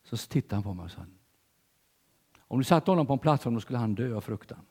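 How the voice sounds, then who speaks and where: An older man preaching a sermon in church, telling stories with big swings between loud and hushed delivery. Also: mid-range voice, expressive, breathy edge, big-room sound.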